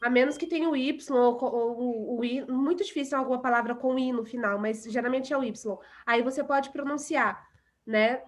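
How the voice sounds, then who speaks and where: A Brazilian woman teaching an English class in Portuguese, patiently explaining and repeating example words slowly. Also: fairly high pitch.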